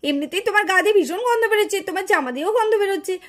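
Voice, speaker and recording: A woman voicing an impatient, bossy mother doll in a puppet cartoon, scolding loudly and insisting. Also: very high-pitched, racing.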